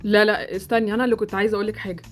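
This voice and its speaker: A woman's voice: mid-range voice, flat delivery, racing, soft background music, natural voice. A woman with an Egyptian accent voicing Sultan, a blunt, awkward boy in a Roblox roleplay series. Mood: brusque.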